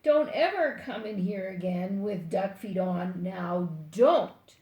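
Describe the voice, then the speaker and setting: A woman's voice: mid-range voice, slow, dark tone, reverberant, highs cut off, lightly acted. A woman voicing a stern mother from a storybook, scolding a young boy in an emphatic, commanding manner. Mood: firm warning.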